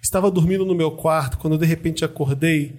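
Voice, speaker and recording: A man with a Brazilian Portuguese accent, hosting a podcast and reading listener ghost stories aloud in a measured, dramatic way. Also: a little high, steady tone, a little mellow. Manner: reads letters in a measured, dramatic way. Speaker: podcast host.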